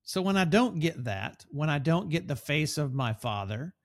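A man co-hosts a conversational podcast, his voice a little high with big swings in pitch and a moderate pace. He speaks reflectively and personally, making small restarts along the way.

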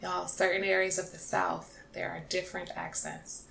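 A woman's voice: fairly low pitch, flat delivery, normal speed, gravelly, bright, forceful tone, slight background noise. Wry New York woman co-hosting. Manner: wry, teasing, plays moderator. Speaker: podcast co-host. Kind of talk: casual chat.

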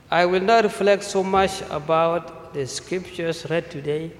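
A male priest from South Sudan giving a measured mission appeal sermon in a church, listing needs one by one. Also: on the high side, slight background noise. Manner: slow, measured delivery with listed phrases. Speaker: visiting priest. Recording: echoey church with long reverb.

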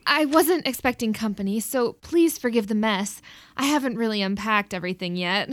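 A woman's voice: on the high side, normal speed, lightly acted. A woman voicing a polite young newcomer who speaks sweetly and gets a little flustered.

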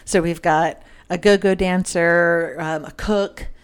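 A woman's voice: lowish voice, fairly even intonation, slow pace, smooth. A woman co-hosting a podcast, chatting casually about a film, rambling with lots of fillers and laughing often. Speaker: podcast co-host.

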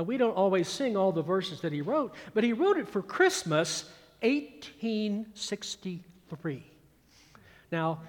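A man's voice: a little high, big-room sound. A man in his sixties with a Georgia accent, preaching a sermon with emphatic repetition and recited verse. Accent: Georgia Southern. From American South. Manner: emphatic, repeats phrases, recites verse with swelling volume. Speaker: pastor.

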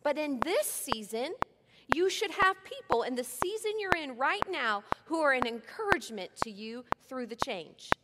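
A woman's voice: sits high, sing-song, normal speed. Woman preaching in a reverberant church hall. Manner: earnest, conversational preaching with rhetorical questions. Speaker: pastor. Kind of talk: sermon. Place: church sanctuary. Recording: long hall reverb, loud background noise.

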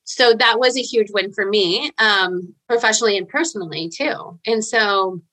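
Woman, bright voice, hairstylist guest, casual interview, chatty, effusive, lots of fillers. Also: mid-range voice, moderate pace, poor audio.

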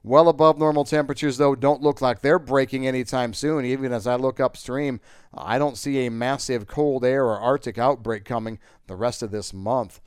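A man's voice: mid-range voice, fairly even intonation, normal speed, clear, resonant tone, dry recording, clean studio sound. A man giving a conversational weather forecast as a radio meteorologist.

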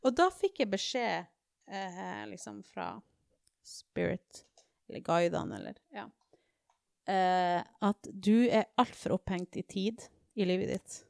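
A woman in casual chat, telling a lively personal story and quoting herself along the way. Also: mid-range voice, creaky, dry recording, studio quality. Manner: animated storytelling, switches to English when quoting herself.

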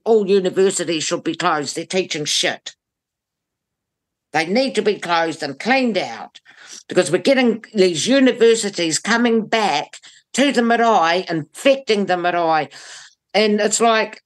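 A woman with a New Zealand accent giving blunt, emphatic opinions in conversation, repeating phrases for stress. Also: lowish voice. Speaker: interview guest.

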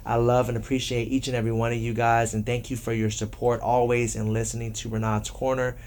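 This podcast host, an adult father of three, leads an encouraging devotional talk with children, warmly repeating himself as he goes. His mid-range voice is darkish and fairly flat in pitch, he talks a little fast, and a faint hiss or hum sits underneath.

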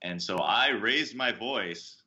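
A young man hosting a casual podcast, telling a candid story in a relaxed way. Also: fairly low pitch, takes it slowly, dull audio. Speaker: podcast host.

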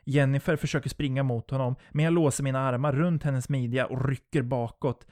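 A man narrating a first-person horror story in a low, steady storytelling voice. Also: dry recording, studio quality.

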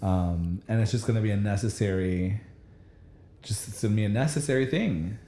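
A man's voice: lowish voice, moderate pace, mellow, reverberant. A man in casual chat, reflective and rambling, with lots of restarts. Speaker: administrator going back to school.

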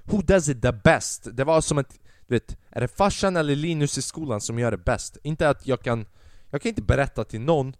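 Animated young man, comic podcast rant. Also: medium pitch, dry recording, studio quality. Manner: animated storytelling, acts out his father and others in loud bursts, swears freely. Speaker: podcast host. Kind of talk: solo comedic podcast monologue.

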